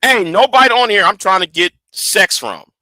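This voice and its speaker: A man's voice: sits high, animated, normal speed, pushed and bright, no echo. A man in his forties hosting a livestream, talking heatedly to his audience, stammering and repeating words as he defends himself. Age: 40s. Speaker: livestream host.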